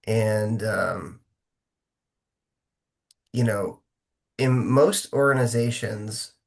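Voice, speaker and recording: A man hosting a casual interview, speaking calmly and with appreciation as he responds to his guest. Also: fairly low pitch, very slow, vocal fry. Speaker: podcast host, martial arts master.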